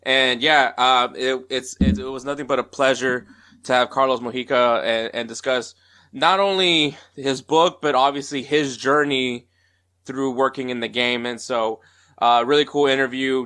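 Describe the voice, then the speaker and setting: A man's voice: medium pitch, steady tone, moderate pace, pushed and bright, clean tone. A man hosting a sports podcast, talking in an upbeat, chatty way with lots of fillers and restarts. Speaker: podcast host. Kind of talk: casual podcast intro and interview.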